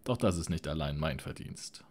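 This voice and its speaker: Audiobook villain: a man playing a smug old necromancer, soft purring menace, very deep voice. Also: animated, moderate pace. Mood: silky menace.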